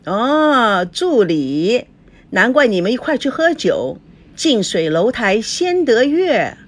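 A woman voicing a furious, betrayed young wife who talks in a shrill, cutting, accusing way, reading a storybook. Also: very animated, moderate pace, breathy edge, exaggerated voice. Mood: sarcastic.

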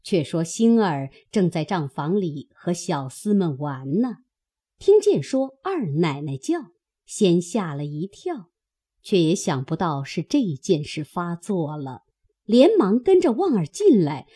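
A woman narrating a classic novel as an audiobook, in measured storytelling. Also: fairly low pitch, very animated, dark tone, husky.

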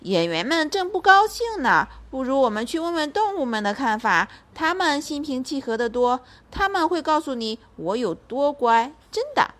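A woman voicing a naughty, cheeky little circus girl, pleading in a quick, wheedling way. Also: sits high, very animated, fairly bright tone, pitched above the performer's own voice.

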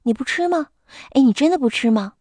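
A woman's voice: high-pitched, expressive, a little fast, darkish tone, no echo. A woman voicing a doting, fussing mother crocodile in a storybook reading. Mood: worried. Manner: fussing, coaxing.

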